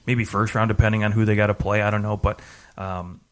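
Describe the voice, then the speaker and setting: A man's voice: fairly low pitch, little pitch movement, fairly quick. A man co-hosting a casual hockey podcast, teasing his partner and giving analysis with lots of fillers. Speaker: podcast co-host.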